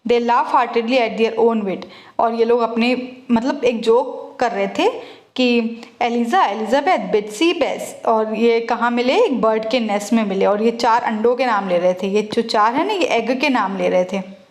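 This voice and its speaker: A woman teacher explaining an English play in Hindi. She reads the English lines slowly. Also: a little high, reverberant.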